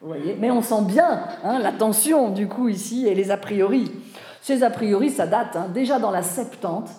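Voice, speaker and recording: Warm-voiced woman teaching a live class. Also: mid-range voice, lively intonation, moderate pace. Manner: conversational, often asks listeners questions and checks with "vous voyez", "hein". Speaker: Bible teacher. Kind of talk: live lecture with audience questions. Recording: roomy echo.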